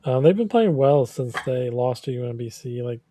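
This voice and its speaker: A man in casual betting chat, calmly laying out the context behind his pick. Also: medium pitch, normal speed, a little hiss or hum. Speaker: co-host.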